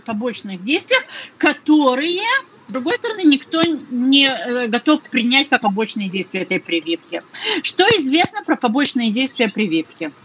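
A woman's voice: high voice, a bit bright. A woman speaking as an interviewer in a conversational interview. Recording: dull audio with faint noise.

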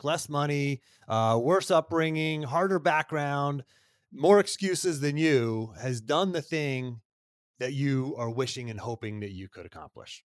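A man's voice: mid-range voice, no echo, clean studio sound. A man hosting a podcast, talking in a conversational way and stacking up phrases for emphasis. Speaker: podcast host. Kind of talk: casual podcast interview.

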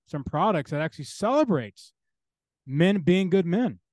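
A man's voice: high-pitched, lively intonation, moderate pace, darkish tone, dry recording. A man speaking as an interview guest and theologian, talking earnestly and building his points through repeated parallel phrases.

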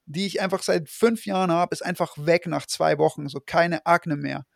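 A man's voice: fairly high pitch, moderate pace, gravelly, no echo, studio quality. A man hosting a podcast, talking casually and rambling with many fillers and restarts. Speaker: podcast host. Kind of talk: casual conversation.

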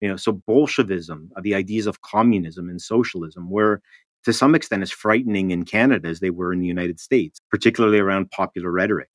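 A man giving measured, scholarly explanation in a documentary interview. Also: deep voice, no echo. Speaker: academic commentator.

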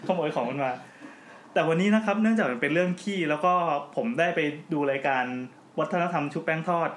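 A man's voice: fairly high pitch, expressive, brisk. A man hosting a podcast in casual chat, joking as he explains at length. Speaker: podcast host. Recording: roomy with faint background noise.

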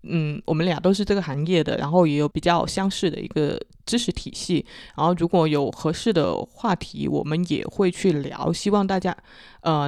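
A woman's voice: lowish voice, vocal fry, a little mellow, dry recording. A woman co-hosts a podcast in casual conversation. Her Mandarin carries a Teochew accent from Chaoshan. The recording is close and dry. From Chaoshan, Guangdong, China. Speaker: podcast co-host.

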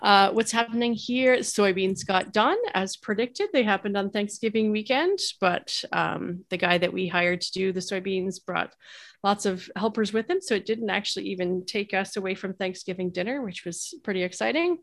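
A woman's voice: mid-range voice, moderate pace. A woman co-hosting a farm podcast with a casual, dry, sarcastic humor. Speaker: podcast co-host, dairy farmer. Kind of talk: casual chat.

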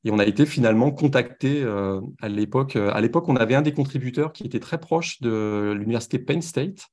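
A man's voice: mid-range voice, brisk, a little mellow. A man from France with a French accent, speaking as an interview guest and often repeating words as he searches for them. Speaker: podcast guest, sports website founder. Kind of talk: casual interview.

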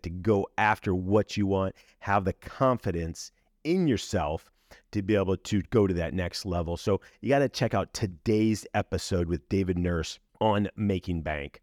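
A man's voice: sits low, a little mellow, dry recording, clean studio sound. A man hosting a podcast, delivering upbeat, hyped introductions and interview questions. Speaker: podcast host.

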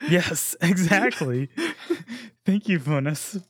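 A woman playing a tabletop game, improvising casually in a halting way, repeating phrases. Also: lowish voice, lively intonation, no echo, studio quality. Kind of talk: casual improvised role-play.

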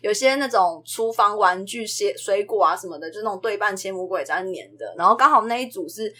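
A young woman, a preschool teacher telling classroom stories in a casual podcast chat, brisk and animated. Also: mid-range voice. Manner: brisk, animated storytelling about classroom moments.

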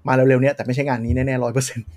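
A man's voice: medium pitch, little pitch movement, racing, darkish tone. A man co-hosting a casual tech podcast, explaining at length with many fillers. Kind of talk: casual chat.

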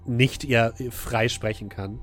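A man narrating a tabletop fantasy game as game master, telling the story descriptively and haltingly. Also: medium pitch, fairly even intonation, soft background music.

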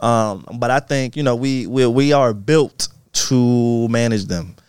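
Smooth, clear man on a podcast. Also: medium pitch, slow, darkish tone, no echo, clean studio sound. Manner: slangy. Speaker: podcast co-host. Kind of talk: casual chat.

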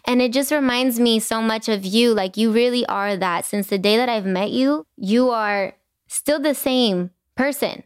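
A young woman hosting a podcast, chatting casually and gushing with warmth, slipping in Spanish phrases. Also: on the high side, measured pace, smooth, no room sound, studio quality. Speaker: podcast host. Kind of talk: casual chat.

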